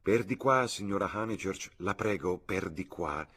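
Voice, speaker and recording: Male reader as a prim, commanding young gent, low husky tone. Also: lively intonation, measured pace, a bit bright, heavily acted. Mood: curt. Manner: curt, commanding. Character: stiff, bossy young gentleman.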